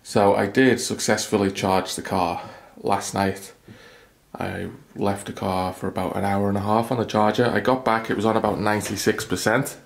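A gravelly, lowish male voice with a level tone and moderate pace narrates a casual handheld vlog. The travel vlogger rambles and jokes at his own expense as he moves from his apartment through the stairwell to his car in an icy car park, recorded on the camera's mic.

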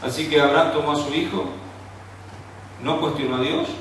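Argentine preacher echoing through a church hall. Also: male voice, on the high side, moderate pace, a little hiss or hum. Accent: Rioplatense Argentine. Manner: fervent, shifts between quiet storytelling and raised passionate preaching. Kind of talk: sermon. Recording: echoey church hall, distant mic.

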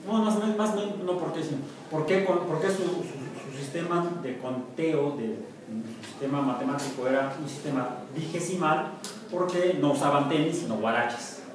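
A Mexican man gives a university math lecture, joking and quizzing his students as he goes. His voice sits a bit high, heard from across a very echoey classroom with clear room noise behind it. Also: normal speed, recorded from a distance. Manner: jokey, asks the class questions.

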